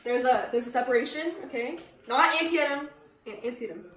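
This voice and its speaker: A woman's voice: fairly high pitch, normal speed, a bit bright, lightly acted. A teen girl playing a fussy male history teacher. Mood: exasperated. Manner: exasperated, lecturing. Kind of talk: amateur school skit. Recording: echoey room, mic at a distance.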